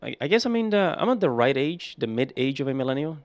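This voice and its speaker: An opinionated man in his thirties reacts in casual commentary. He leans on repetition to hammer his points, at a middle pitch. The sound is close and dry. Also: big pitch swings, quick pace, no room sound. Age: 30s.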